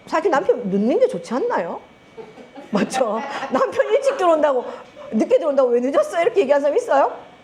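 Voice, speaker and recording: A middle-aged woman with a Gyeongsang Korean accent gives a lively talk to a seminar audience as a network marketing group leader, teasing them and asking them questions. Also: fairly high pitch. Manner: animated, teasing, asks the audience often and laughs. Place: seminar room with a live audience.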